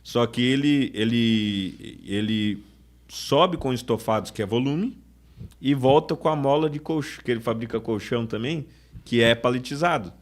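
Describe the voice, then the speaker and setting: A man's voice: medium pitch, unhurried. A man, a sales manager talking casually in a podcast interview, often restarting his sentences. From Brazil. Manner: chatty, restarts sentences often, acts out customer quotes.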